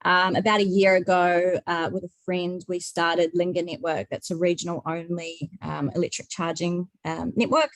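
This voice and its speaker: A woman's voice: lowish voice, flat delivery, moderate pace, hardly any pauses, no room sound, low-quality recording. A woman with a New Zealand accent introducing herself on a video call, chatty and self-deprecating. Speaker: meeting participant.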